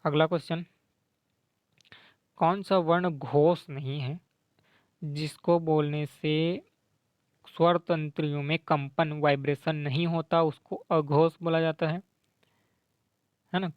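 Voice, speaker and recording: Slow, patient grammar teacher, man. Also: a little high, fairly even intonation, no echo, muffled recording. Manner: slow, repetitive, checks in with "है ना?"; mixes English words into Hindi explanation. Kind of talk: explaining quiz answers to students.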